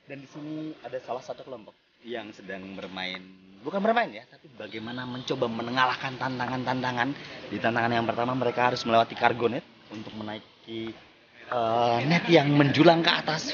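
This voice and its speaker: A man's voice: medium pitch, brisk, highs cut off, noisy background. A man, an upbeat and encouraging facilitator giving commentary at an outdoor training camp. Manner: upbeat, encouraging, calls out warnings. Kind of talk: energetic event commentary and narration.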